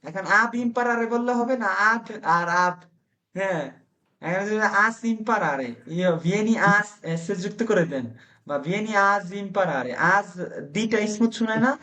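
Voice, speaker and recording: A man teaching Italian in an online group lesson, slowly explaining and repeating phrases for drills. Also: high-pitched, bright, forceful tone.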